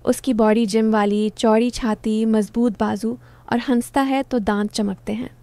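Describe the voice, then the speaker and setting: A woman narrating a story in the first person, steady and unhurried in short phrases. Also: a little high, no echo.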